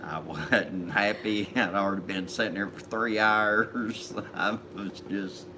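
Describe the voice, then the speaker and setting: Slow, very deep-voiced man. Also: fairly even intonation, background noise. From Kentucky, USA. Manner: slow, apologetic, mumbling. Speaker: co-host. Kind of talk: casual livestream chat.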